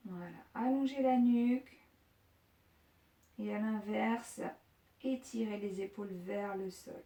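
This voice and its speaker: A woman leads a Pilates session at an unhurried pace, calmly cueing inhales and exhales and slipping in playful jokes. Her voice comes from a distance in a roomy, echoing space. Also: medium pitch. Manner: calm counting of breaths, joking asides. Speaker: fitness instructor. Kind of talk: guiding a Pilates class. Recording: echoey room, voice from far off.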